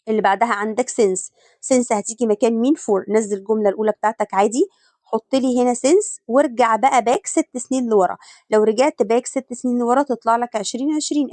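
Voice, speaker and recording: An Egyptian woman teacher runs through exam revision at a rapid clip. She asks questions and answers them herself, in a voice a little higher than most. The sound is close and dry, with no room echo. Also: warm tone. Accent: Egyptian Arabic. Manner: brisk and drilling, asks and answers her own questions. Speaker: English teacher.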